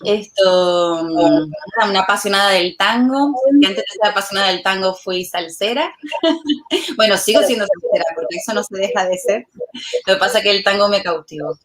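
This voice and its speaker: A woman from the Canary Islands with a Canarian Spanish accent, a tango teacher chatting as a guest in an interview, talkative and quick to laugh. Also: medium pitch. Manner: chatty, laughs often, warm enthusiasm. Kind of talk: casual interview chat.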